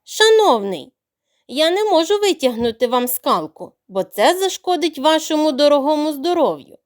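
A small, clever duckling from a bedtime audio tale speaks politely and firmly, as a woman voices it. The voice sits a little higher than the storyteller's own, with a lively lift. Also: normal speed. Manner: polite and firm.

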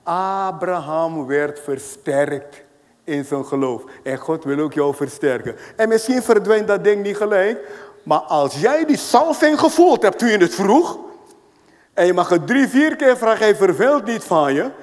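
A man preaching a sermon as pastor, telling stories with lively acted-out voices. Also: high voice, measured pace. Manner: animated storytelling, acting out voices. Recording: long hall reverb.

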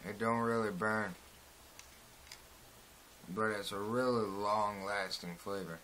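A young man with a dip in his lower lip, casually rambling through a review from a small shed, recorded on a propped-up phone. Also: steady tone, slow pace, a bit bright, a little hiss or hum. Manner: laid-back, repetitive, plain country speech. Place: small open shed, rain outside. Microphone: phone propped on a door.

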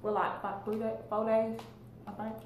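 A woman's voice: a little high, little pitch movement, normal speed, phone-quality sound. Chatty laid-back woman in echoey room. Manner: chatty, laid-back, talks to viewers as y'all. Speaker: vlogger and host. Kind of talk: casual mukbang chat. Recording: echoey room with faint noise.

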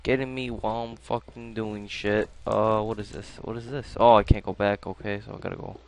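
A young man cursing and complaining through his own live gameplay commentary, swinging from mutters to yells. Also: on the low side, little pitch movement, brisk, gravelly. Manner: cursing, frustrated, swings between muttering and yelling. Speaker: gamer.

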